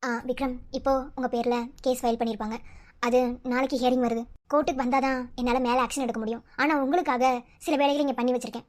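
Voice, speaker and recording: A woman voicing a calm, confident woman lawyer who speaks with cool, measured reassurance in a Madurai Tamil accent. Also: on the high side, natural voice.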